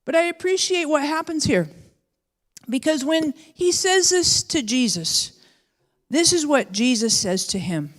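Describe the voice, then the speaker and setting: A woman's voice: high voice, lively intonation, measured pace. A woman pastor giving a sermon, telling the story in a casual, conversational way and briefly acting out the voices of its characters. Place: church. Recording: long church hall reverb.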